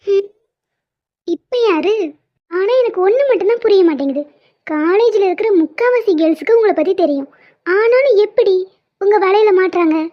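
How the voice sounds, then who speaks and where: A woman's voice: extremely high pitch, lively intonation, moderate pace, pauses often. A woman voicing a cheeky teenage schoolgirl who teases her family in a cartoon. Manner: cheeky, teasing, sassy. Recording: dull lo-fi sound.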